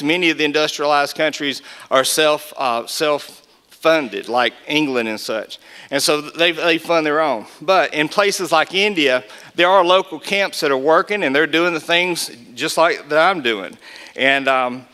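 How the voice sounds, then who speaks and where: A man's voice: fairly high pitch, pushed and bright, clear, resonant tone. A man giving a folksy testimony talk to a gathering, telling a story and acting out the voices in it. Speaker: Gideons speaker.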